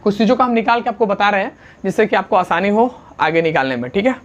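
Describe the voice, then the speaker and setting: A man teaching a science lesson, constantly asking the class questions and answering them himself, urging students to write fast and mixing English unit names into his talk. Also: high voice, animated, a bit bright, dull audio. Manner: urges students to write quickly, calls them friend.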